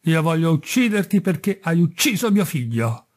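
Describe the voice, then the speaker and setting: A man's voice: a little high, sing-song, moderate pace. A man voicing a huge, vengeful male genie in a storybook reading, speaking in stern, unyielding pronouncements.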